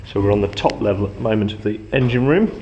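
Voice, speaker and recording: A man's voice: fairly low pitch, fast talker, darkish tone, highs cut off. A man acting as tour guide, explaining machinery in an informal, unscripted way inside a ship's engine room. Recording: echoey metal room, background hum.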